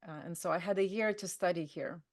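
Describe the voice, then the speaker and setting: A native Russian speaker with a Russian accent chats as a guest in a conversational interview. She is casual and chatty, full of fillers and restarts. Her voice is lowish and a little fast.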